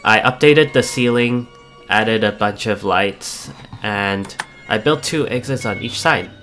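A man's voice: lowish voice, measured pace, a bit bright, faint music behind. A man hosting a let's play, casually talking through the changes he made to his build, step by step. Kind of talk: casual gameplay commentary.

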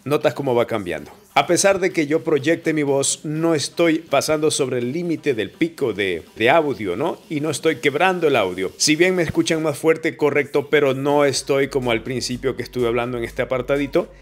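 A man teaching voice technique. He talks directly to the viewer and changes his projection and brightness on purpose to demonstrate. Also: medium pitch, lively intonation, normal speed, hardly any pauses. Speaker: voice coach. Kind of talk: voice technique tutorial. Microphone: camera and microphone.

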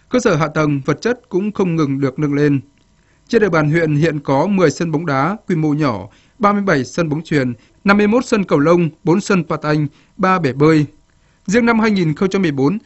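A man reads a scripted local news report in a steady, formal cadence, his voice sitting a little higher than most. The broadcast audio sounds dull and lo-fi. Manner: steady formal read with measured list cadence.

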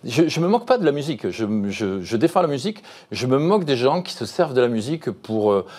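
A middle-aged man, a musician and comedian, talking as a guest in a casual TV interview, lively and often restarting his sentences. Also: mid-range voice, quick pace.

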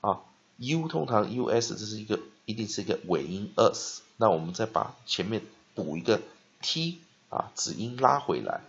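A male English teacher giving a vocabulary lesson, spelling words letter by letter and repeating them slowly. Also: fairly low pitch, sing-song, creaky, muffled recording.

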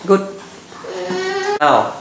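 A man's voice: extremely slow, echoey room, background noise. A man tutoring a child at home, firmly correcting and repeating model words. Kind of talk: pronunciation drill.

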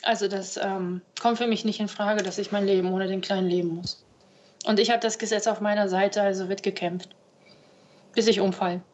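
A young woman telling her story in an interview indoors, earnest and halting, sometimes restarting words. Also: mid-range voice, steady tone, darkish tone, highs cut off, a little hiss or hum. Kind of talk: interview testimony. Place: indoor living room.

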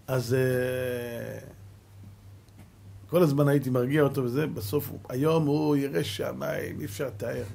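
A middle-aged man, giving a Torah lesson as a rabbi and telling stories dramatically, swinging from loud exclamations to quiet asides. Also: medium pitch, fairly even intonation, gravelly. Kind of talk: animated Torah lesson with storytelling.

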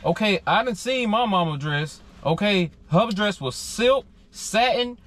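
A man's voice: high voice, lively intonation, unhurried, fairly bright tone. A young man, mocking and exasperated in a prank vlog. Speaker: vlogger, prank target. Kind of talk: exasperated banter.

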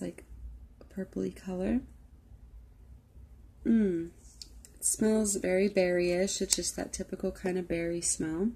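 A woman's voice: medium pitch, creaky, mellow. A woman vlogger chatting casually through a product haul, rambling with lots of "um" and "like". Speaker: beauty vlogger.

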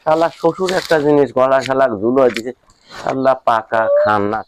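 A man's voice: mid-range voice, a little fast, slight background noise, close to an everyday voice. An actor playing a weary, henpecked village husband who grumbles about his wife in a comic short film. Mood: grumbling. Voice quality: grumbling, complaining.

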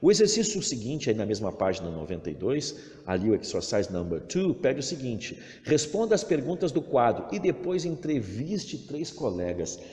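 A man's voice: mid-range voice, very animated. A middle-aged man with a Brazilian Portuguese accent teaching a recorded English lesson to children, patient and encouraging. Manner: patient, encouraging, reads English sentences slowly and loudly. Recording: roomy echo, long reverb.

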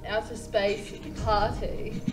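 A woman's voice: mid-range voice, flat delivery, slow, low-quality recording. A young woman joking casually with a group in a small room. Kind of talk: casual banter, telling dad jokes. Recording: loud music over the talk.

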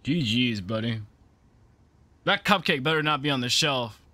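A man's voice: mid-range voice, animated, moderate pace, sharp tone, no echo. A young man hosting a reaction video in a gaming room on a headset, talking casually and exclaiming and swearing at jump scares.

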